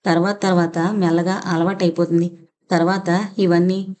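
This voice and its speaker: A woman voicing a troubled middle-aged man in love who speaks in a tense, halting way. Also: lowish voice, flat delivery, dark tone, lightly acted. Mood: sorrowful.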